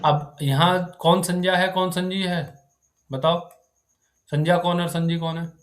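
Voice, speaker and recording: A man with a slightly high voice teaches Sanskrit grammar in a classroom. He fires questions at his students and keeps asking whether the point is clear. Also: flat delivery, unhurried. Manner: keeps checking if students understood. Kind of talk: live classroom lecture.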